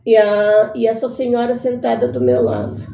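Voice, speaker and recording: A woman telling her own life story in a halting, earnest way. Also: fairly high pitch, very animated, warm tone. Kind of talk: personal storytelling. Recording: echoey room, muffled sound.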